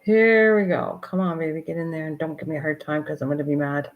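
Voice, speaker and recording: A woman's voice: sits low, level tone, racing, phone-quality sound. Older woman, livestream host, casual chatter, rambling, talks to herself while crafting.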